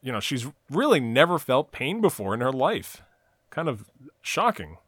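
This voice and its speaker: A man's voice: medium pitch, very animated, normal speed, a bit bright, husky, no room sound. A man co-hosting a casual podcast, recapping a TV episode scene by scene with frequent "uh" and "you know". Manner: narrates the plot at length, with frequent "uh" and "you know".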